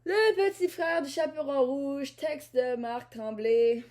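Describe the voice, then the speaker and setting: Her voice is high with a darkish tone, and she takes it slowly as she vlogs to the camera. This Ottawa, Canada woman delivers a rambling, introspective monologue, often repeating and restarting phrases.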